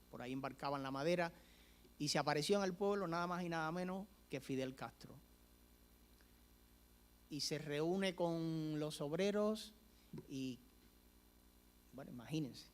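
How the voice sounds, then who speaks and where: A male preacher telling a story in a sermon, acting out the dialogue at a church service. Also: fairly high pitch.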